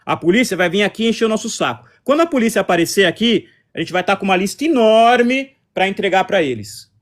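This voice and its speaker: Hosting a laid-back live stream, this Brazilian-accented man fires back at chat comments in an argumentative tone, often saying the same things again. He speaks quickly in a high, animated voice.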